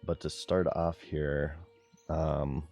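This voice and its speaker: A man giving live gameplay commentary as a streamer, chatty and excitable, talking straight to his chat. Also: a bass voice, takes it slowly, faint music behind.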